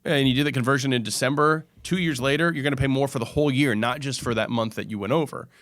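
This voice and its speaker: A man hosting a finance radio talk show, explaining things in an animated, folksy way with quick asides. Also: mid-range voice, dry recording, studio quality.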